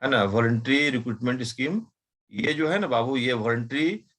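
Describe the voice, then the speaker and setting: A commerce teacher leads a live class, dictating slowly and spelling words out letter by letter. His voice is medium-pitched with a fairly bright tone, and he often adds short checking questions.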